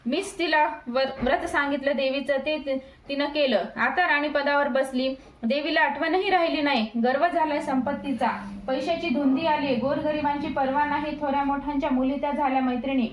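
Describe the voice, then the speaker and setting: A woman voicing a poor old woman who is a goddess in disguise, talking slowly and shakily, in an echoey room. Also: sits high, fairly even intonation, slight background noise, lightly acted. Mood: indignant.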